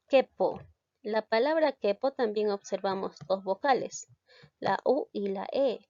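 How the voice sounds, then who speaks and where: A woman's voice: mid-range voice, no room sound. Woman teacher, patient step-by-step explainer, close dry sound, a little muffled. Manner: explains step by step and keeps asking "¿ya?" to check understanding. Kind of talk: recorded grammar lesson. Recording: slightly dull, dry sound.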